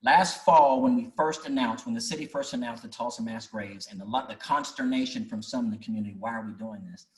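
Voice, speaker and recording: Man, earnest storyteller, mid pitch, echoey room on a video call. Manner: earnest, folksy, with many restarts. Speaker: speaker at an online community meeting. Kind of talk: storytelling presentation. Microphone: video call mic.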